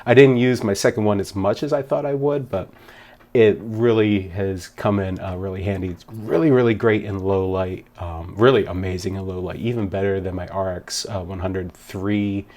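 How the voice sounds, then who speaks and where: A wedding DJ vlogs a log of his gig, talking casually to the camera in a low, darkish voice with fairly even intonation at a moderate pace. He rambles upbeat, using many fillers, and sounds a little out of breath.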